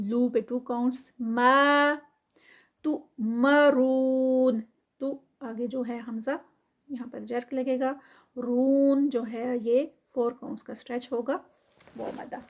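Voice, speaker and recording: High-voiced woman teaching tajweed. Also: level tone, mellow. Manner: slow drawn-out recitation alternating with quick explanation. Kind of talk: tajweed lesson, recites then explains.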